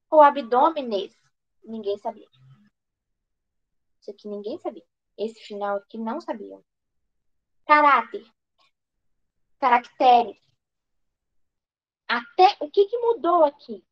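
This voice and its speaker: Her voice a little high, a Brazilian-accented woman leads an online grammar session to prepare students for exams, questioning herself aloud, answering, and frequently beginning again. The recording is muffled.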